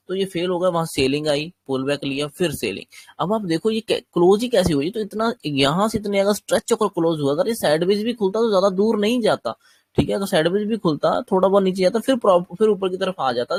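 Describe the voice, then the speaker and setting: Man, trading teacher, slightly sore throat, husky voice, dry close sound, explains step by step. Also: on the high side, no echo. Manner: explanatory, often checks understanding. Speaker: trading instructor. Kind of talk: chart-based lesson.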